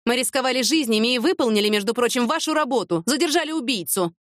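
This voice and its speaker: A woman voicing a sharp-tongued, proud divorced woman with an indignant manner in an audiobook. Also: a little high, brisk, no room sound, studio quality, voice pushed up, natural voice. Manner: indignant, biting.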